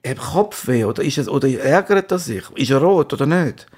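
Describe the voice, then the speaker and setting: A man's voice: mid-range voice, expressive, brisk, a little mellow, slightly rough. A man with a Swiss German accent and an ordinary mid-range voice. He vents in an exasperated, ranting way, piling up complaints. The delivery is a loose, casual chat.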